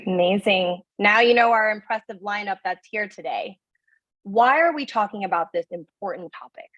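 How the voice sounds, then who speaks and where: A woman moderator reads a scripted introduction crisply, like a presenter. The recording is dry and a little dull. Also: mid-range voice, expressive, normal speed, a bit bright, no room sound.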